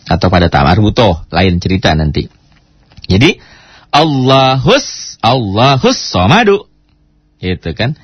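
A man teaching Quran recitation, chatting casually and breaking into slow chanted demonstrations. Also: lowish voice, slightly rough, no room sound. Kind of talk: tajwid lesson with recited demonstrations. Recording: dry, dull lo-fi radio recording.

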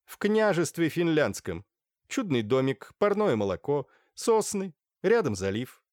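A man's voice: a little high, sing-song, measured pace, darkish tone, no echo, clean studio sound, pitched above the performer's own voice. A man voicing a handsome, sarcastic young nobleman with a haughty manner. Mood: mocking.

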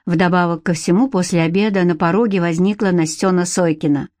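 A woman narrating an audiobook in a calm, expressive reading style on a close studio mic. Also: lowish voice, fairly quick, dry recording. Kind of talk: scripted narration.

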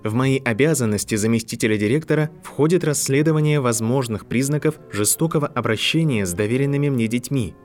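A man reading an audiobook, voicing a composed older woman professor who speaks softly and sympathetically. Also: mid-range voice, faint music behind, voice pushed up, lightly acted. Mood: gentle. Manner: soft, sympathetic, measured. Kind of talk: audiobook narration.

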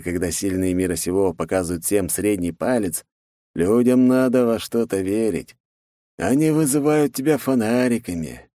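Guy doing a calm mocking big brother villain, swoopy delivery, dry close sound. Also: on the low side, no room sound, close to an everyday voice. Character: scheming elder brother, cold rival.

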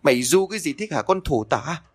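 A man voicing a frantic older village woman who wails for help and curses loudly. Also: fairly high pitch, expressive, fairly quick, slightly rough, pitched above the performer's own voice. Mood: furious. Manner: wailing, cursing.

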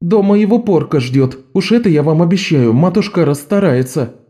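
Man putting on a young girl thief, raised high voice, bossy, scolding, mellow tone, audiobook. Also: expressive, soft background music, close to an everyday voice. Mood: brisk. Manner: scolding, quick, commanding.

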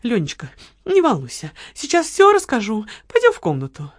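A woman voicing a quick-tempered, sarcastic young woman in an audiobook, scolding and bossing her partner. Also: fairly high pitch, wildly swooping pitch, no echo, studio quality, voice pushed up. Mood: alarmed.

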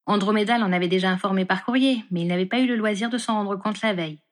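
A woman reading a story aloud in an even, measured storybook narration. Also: medium pitch. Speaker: reader.

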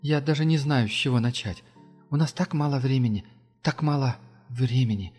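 A man voicing a hushed, sorrowful ancient girl. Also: mid-range voice, breathy edge, in a large hall, soft background music, close to an everyday voice. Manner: quiet, slow, sorrowful. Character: ancient sad being in a little girl.

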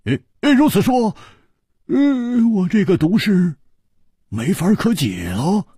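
A man's voice: sits high, very animated, takes it slowly, slightly rough, dry recording, clean studio sound, voice pushed up, full character voice. A man voicing a brash, carefree young swordsman who blusters and stammers. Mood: alarmed. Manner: loud, boisterous, stammering fillers. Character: brash carefree young male swordsman, poisoned yet joking.

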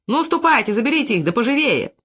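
A man's voice: very high-pitched, big pitch swings, fast talker, pushed and bright, husky, voice pushed up, heavily acted. Stern bouncer, barking, voiced by a man, audiobook.

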